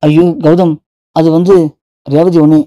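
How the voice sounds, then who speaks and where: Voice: medium pitch, level tone, a little slow, mellow, no echo, dull audio, lightly acted. A narrator voicing a caring young wife who anxiously soothes her husband. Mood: soothing.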